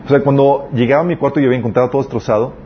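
Male preacher, earnest, chatty sermon with personal stories, mid-pitched, dull lo-fi recording, faint hiss. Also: steady tone, very fast.

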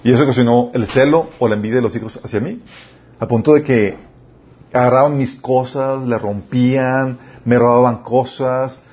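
A young Mexican man preaches to a youth group in a lively, storytelling way, talking straight to the kids in front of him. His voice sits at an ordinary middle pitch. The recording sounds dull and muffled. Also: moderate pace. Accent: Mexican Spanish. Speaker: youth pastor. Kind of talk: sermon.

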